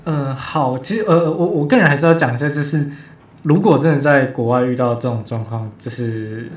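A male podcast host chats casually in an interview, speaking at a moderate pace but hesitantly, with many fillers and restarts. The recording has a roomy echo and a faint rumble.

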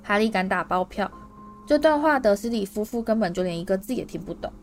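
Woman reading a storybook aloud, lively, does all the voices, quiet music underneath. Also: mid-range voice, brisk. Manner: animated, acts out every character. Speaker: audiobook reader. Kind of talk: storybook narration.

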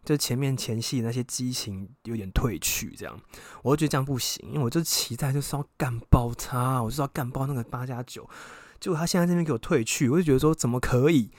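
Young man, frank excitable storytelling, dry close sound. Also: medium pitch, quick pace, dry recording. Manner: frank, excitable, swears freely. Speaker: podcast host. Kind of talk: casual storytelling.

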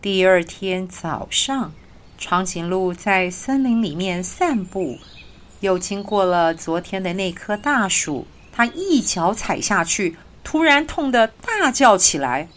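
Woman telling a children's story, slowly. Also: mid-range voice. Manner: gentle, expressive, unhurried.

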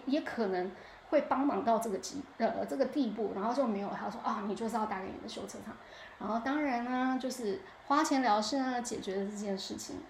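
A young woman with a Taiwanese Mandarin accent tells a story on her podcast in a lively, chatty way, often checking in with the listener. Her voice sits a bit high. The room rings with echo, and a faint hum of ambience runs underneath. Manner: animated, keeps asking the listener 你知道吗. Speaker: podcast host. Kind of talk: casual storytelling monologue.

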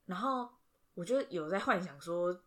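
Woman, podcast co-host, low-ish voice, chatty and animated. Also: normal speed. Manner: chatty, animated storytelling with frequent fillers. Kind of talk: casual chat.

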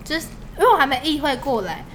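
A woman's voice: high voice, sing-song, fast, a bit bright, a little hiss or hum. A young woman with a Taiwanese Mandarin accent, co-hosting a podcast and telling a story in casual chat, laughing often. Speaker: podcast co-host.

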